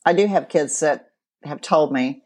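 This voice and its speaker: A woman in her forties, co-hosting a podcast and explaining things in a measured way from her counseling work. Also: low voice, a little mellow. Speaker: podcast co-host and co-parenting counselor. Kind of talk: casual podcast chat.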